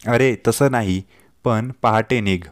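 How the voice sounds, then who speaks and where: A man's voice: on the low side, slow, dry recording, studio quality. A man voicing a teasing young wife. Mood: playful. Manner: playful, pleading. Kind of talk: storytelling dialogue.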